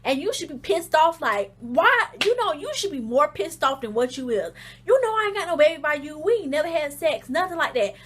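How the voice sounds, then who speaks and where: A woman giving a casual, slangy recap of a reality show, telling it as a lively story full of fillers. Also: sits high, brisk. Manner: animated storytelling, acts out the show's scenes in shrieky voices; loose slangy talk with fillers. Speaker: reality TV reviewer.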